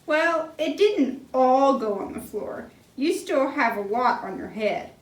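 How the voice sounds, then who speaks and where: A woman voicing a kind grown-up friend in a church puppet skit, speaking in a gentle teaching tone. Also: sits high, expressive, takes it slowly. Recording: roomy hall, mic far off.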